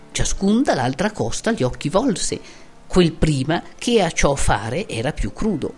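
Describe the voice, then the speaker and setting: Low-voiced woman reciting epic verse. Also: a little mellow. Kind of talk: dramatic poetry recitation.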